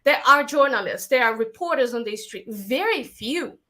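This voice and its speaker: A woman from America, a guest telling stories about her career in lively casual chat. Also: fairly high pitch, moderate pace. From Latin America. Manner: animated storytelling, acts out her own past thoughts in quotes. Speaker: guest filmmaker.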